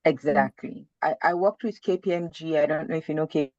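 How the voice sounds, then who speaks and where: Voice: mid-range voice, fairly quick, a little mellow, lo-fi sound. A call participant chatting casually over a video call, hesitant and restarting words, with the audio cutting in and out at uneven volume.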